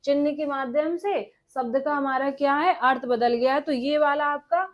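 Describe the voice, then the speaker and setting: A woman teaching an exam-prep grammar lesson, dictating and repeating phrases so students can write them down, and answering her own questions. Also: high-pitched. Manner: dictating slowly, repeating phrases for note-taking.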